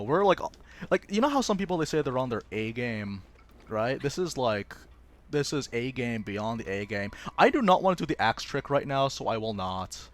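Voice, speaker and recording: Some slight background noise accompanies this male streamer's medium-pitched voice as he plays a game live. Laughing often, he jokes about himself and chats playfully with viewers in relaxed gameplay commentary.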